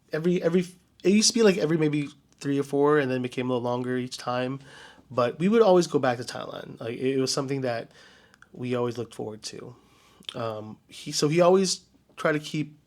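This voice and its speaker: Man from the US, vlogger and DJ, mid-pitched voice, halting, earnest delivery full of restarts. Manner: halting and searching, many restarts and fillers; earnest, quietly emotional. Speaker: vlogger and DJ entertainer. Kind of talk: personal reflective vlog storytelling.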